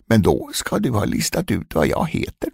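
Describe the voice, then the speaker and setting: A man's voice: lowish voice, wildly swooping pitch, gravelly, darkish tone, slightly rough, no room sound, studio quality, exaggerated voice. A man reading a storybook, voicing a spiteful, greedy little male dwarf who crows and shrieks his taunts. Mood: sly.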